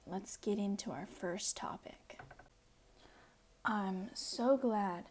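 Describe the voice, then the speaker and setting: A young woman from the United States hosting her first casual solo podcast, rambling and self-deprecating, sometimes dropping to a soft near-whisper. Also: medium pitch, a little hiss or hum, rough recording. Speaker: podcast host.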